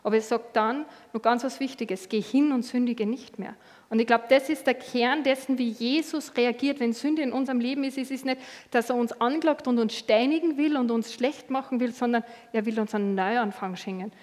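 A woman's voice: fairly high pitch, a little fast, hardly any pauses, darkish tone, in a large hall. A woman preaching a sermon in a conversational, earnest way, acting out inner voices with many fillers.

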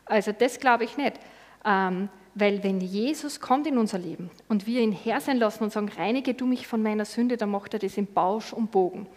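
A woman's voice: mid-range voice, moderate pace, darkish tone. Earnest woman preaching in a hall. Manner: earnest, personal, acts out quoted words. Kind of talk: sermon.

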